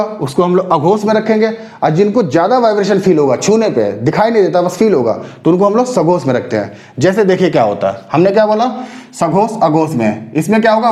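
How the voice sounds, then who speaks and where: A man's voice: high voice, dark tone, echoey room. A man teaching a Hindi grammar lesson for exam preparation, explaining step by step and answering his own rhetorical questions. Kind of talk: classroom-style lesson for exam prep.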